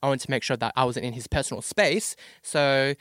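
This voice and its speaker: A man's voice: mid-range voice, a little fast, fairly bright tone, dry recording. A young man, a congested podcast co-host, telling stories animatedly and laughing often in a small insulated studio. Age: young adult. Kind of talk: casual chat.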